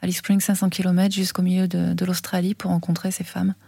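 A French woman, a filmmaker giving an interview, talking with many fillers, pauses and restarts. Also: fairly low pitch, monotone, vocal fry, mellow, slightly rough, no room sound, studio quality. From France. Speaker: guest filmmaker. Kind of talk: interview conversation.

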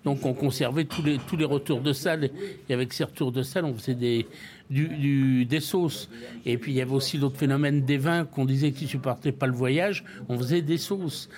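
A man's voice: mid-range voice, fairly even intonation, normal speed, a little mellow. Older man from France, restaurant owner, casual interview, stumbles and repeats words.

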